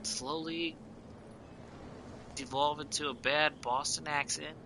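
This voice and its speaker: A man's voice: a little high, steady tone, takes it slowly, background noise. Mumbling male game streamer. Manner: mumbling, often drops to a whisper. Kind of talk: let's play commentary.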